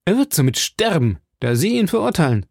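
A man voicing an eager, infatuated young swordsman who speaks in a flattering, fervent way. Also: a little high, normal speed, no room sound, clean studio sound, voice pushed up.

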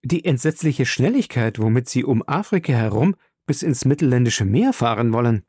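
A man reading a wondering, mellow professor. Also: medium pitch, sing-song, moderate pace, slightly rough, no room sound, studio quality. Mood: astonished. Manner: wondering and questioning. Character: astonished male scholar, a curious professor. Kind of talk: audiobook role reading.

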